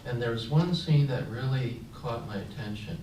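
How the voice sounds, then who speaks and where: A darkish, mid-range male voice at normal speed belongs to an older veteran who grew up in San Francisco. On a panel, he reflects on his own story, frequently pausing with fillers and beginning sentences again. The sound is distant and echoey, with noise from the room.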